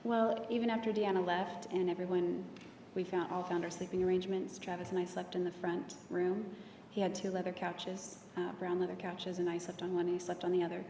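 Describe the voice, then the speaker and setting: Woman witness on the stand: low, mellow, monotone, heard from a distance in a reverberant courtroom. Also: fairly quick, hardly any pauses, a little hiss or hum. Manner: soft, flat and hesitant. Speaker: testifying witness. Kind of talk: courtroom testimony. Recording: distant, echoey courtroom audio with long reverb.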